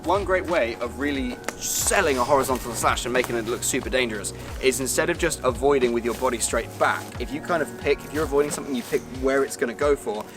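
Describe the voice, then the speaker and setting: A British man, a fight choreographer, walks performers through a sword fight in casual, energetic instruction with playful sound effects. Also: medium pitch, quick pace, hardly any pauses. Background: background music.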